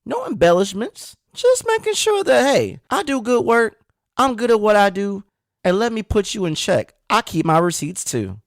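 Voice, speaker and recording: Lively, emphatic motivational podcast man. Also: high voice, moderate pace, no echo, studio quality. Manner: energetic, emphatic, talks straight to the listener. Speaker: podcast host.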